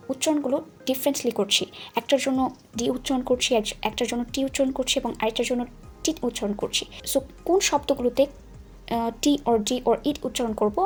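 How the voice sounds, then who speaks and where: A woman teaching pronunciation, who explains patiently and repeats each word slowly for learners. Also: high voice, a little mellow. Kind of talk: explanatory language lesson.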